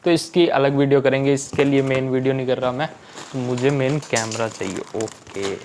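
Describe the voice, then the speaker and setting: A man's voice: medium pitch, moderate pace, background noise. A young man chatting casually in a home unboxing vlog, often checking in with "okay" as he goes. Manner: chatty, keeps saying "theek hai". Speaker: vlogger.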